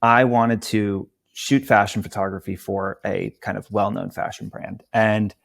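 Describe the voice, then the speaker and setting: Gravelly low-voiced man telling stories. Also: unhurried. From Georgia, USA. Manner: animated storyteller who acts out quotes. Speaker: company founder, podcast guest. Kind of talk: casual interview talk.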